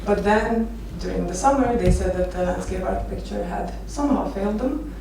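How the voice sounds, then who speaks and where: A Romanian architecture photographer in her thirties gives an informal conference talk full of personal stories, speaking at normal speed in a mid-range voice. Her storytelling is relaxed but hesitant, and a distant microphone picks her up in an echoey venue with clear background noise.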